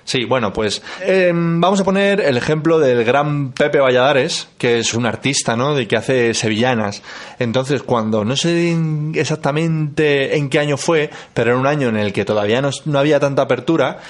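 A man's voice: medium pitch, moderate pace. A man from Spain co-hosting a podcast, chatting in a jokey, sarcastic way. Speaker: podcast co-host. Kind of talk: casual comedic chat.

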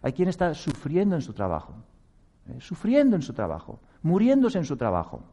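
A man's voice: a little high, huge pitch swings, a little fast, dark tone. A man from giving a reflective talk on meditation, speaking earnestly, chuckling at himself and acting out quoted voices.

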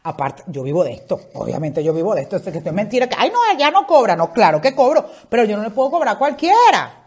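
A woman with a Venezuelan accent hosting her own podcast, chatting in an animated, joking way full of swearing and quick asides. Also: medium pitch. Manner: animated, swearing, rapid asides and playful mock voices. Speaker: podcast host. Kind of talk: casual comedic monologue. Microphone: headphones with mic.

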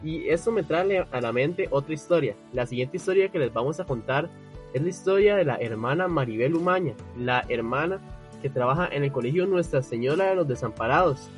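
Male co-host, higher pitch, earnest segment intros, soft music behind. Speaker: podcast co-host. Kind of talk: scripted program hosting.

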